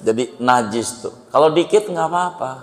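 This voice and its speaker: A man teaching a religious lesson as a kiai, speaking with a Betawi Indonesian accent in a slow, folksy way, often asking his listeners rhetorical questions. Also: mid-range voice, expressive, in a large hall. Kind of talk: mosque religious study lesson. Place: mosque hall.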